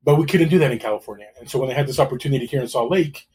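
A middle-aged man from El Salvador, a realtor who is a guest on an interview, telling his story in a relaxed way with dry, self-deprecating humor. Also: mid-range voice, racing, husky.

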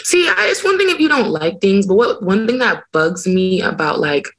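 A woman's voice: mid-range voice, moderate pace, a little hiss or hum, rough recording. A young woman co-hosting a podcast, chatting casually and telling stories with strong opinions. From Barbados heritage, raised in America. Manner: animated, opinionated storytelling. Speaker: podcast co-host. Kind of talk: casual chat.

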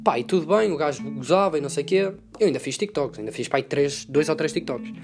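A man with a European Portuguese accent rattles through a loose, profane solo monologue, hopping between jokes and gripes. He talks at a quick clip, and plucked guitar music plays clearly underneath him. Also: on the high side, animated. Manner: rambling, profane, joking rant. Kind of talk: casual rambling monologue.

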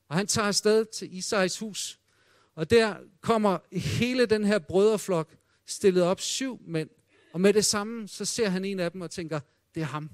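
A male preacher giving a sermon, retelling scripture dramatically and dropping to a hush for quoted voices. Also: high voice, dry recording.

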